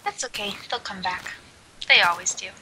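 A woman chatting excitedly during a game with friends, given to gasps and squeals. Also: mid-range voice, moderate pace, slight background noise, poor audio. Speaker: gamer. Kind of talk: casual chat while playing.

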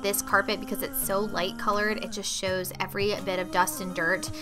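A woman's voice: medium pitch, little pitch movement, normal speed. A young woman chatting casually as a cleaning and cooking vlogger, explaining with occasional filler ums. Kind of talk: casual voice-over narration. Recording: loud background music. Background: loud music.

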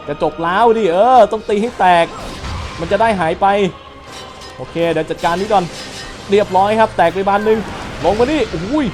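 A young man with a high, bright voice calls out a game as he plays, excitable and full of trash talk aimed at on-screen enemies. Loud game music plays behind him throughout. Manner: excitable, trash-talks enemies, frequent exclamations. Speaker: gaming channel host. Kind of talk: let's play commentary.

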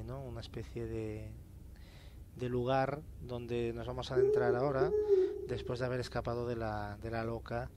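A let's play host with a Castilian Spanish accent gives casual gameplay commentary, swearing, grumbling to himself and reading in-game notes aloud. His voice is medium-pitched with a darkish tone, and slight background noise is audible.

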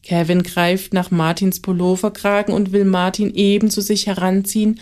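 A woman narrating a children's short story in a calm, measured reading voice. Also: medium pitch.

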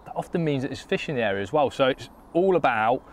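A man's voice: mid-range voice, quick pace. Man explaining fishing by a lake. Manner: steady, practical, explains step by step. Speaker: angler demonstrating. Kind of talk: casual explanatory chat. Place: outdoors at a lakeside bank.

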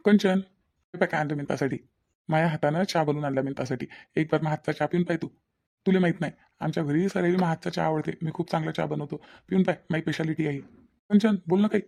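In a cartoon, a performer voices a young husband torn between his wife and his mother, coaxing and pleading in a Vidarbha Marathi accent. The delivery is fast and creaky, mid-range in pitch with a darkish tone.

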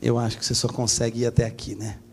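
A male pastor preaching a sermon in church, telling a story with animated shifts of voice. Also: fast. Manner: animated storytelling, acting out voices with big pitch swings.

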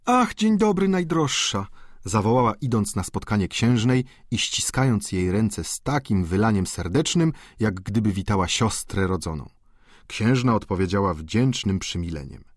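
A man narrating a classic novel as an audiobook, with an expressive, measured delivery. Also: lowish voice, breathy edge, no echo, clean studio sound. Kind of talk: literary audiobook reading.

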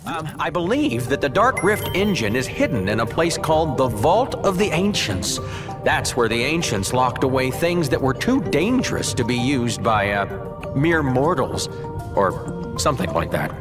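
A man's voice: mid-range voice, very animated, normal speed, over music, lightly acted. An actor playing an awkward, timid troll henchman in a video game, hesitant and sheepish.

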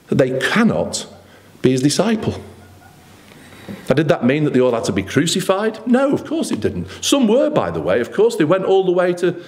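Middle-aged man, sermon at a lectern mic; emphatic, swooping delivery. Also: on the high side. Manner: earnest, emphatic preaching with rhetorical questions and lively pauses. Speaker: pastor. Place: church hall with red curtains. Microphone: lectern microphone.

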